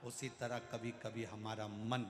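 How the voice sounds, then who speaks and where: A man's voice: lowish voice, slow pace. A man giving a devotional sermon, telling stories animatedly and acting out the characters, over a PA in a large venue. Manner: animated, emphatic, acts out characters. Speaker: katha preacher. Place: large venue, live audience setting. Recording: echoey hall reverb.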